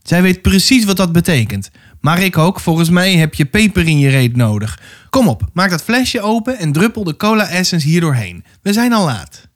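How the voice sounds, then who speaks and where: A man reading a children's book aloud, voicing a twelve-year-old boy who bakes, sulky and brisk, in a gruff, hurried voice. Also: high-pitched, big pitch swings, voice pushed up. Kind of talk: audiobook reading for a podcast.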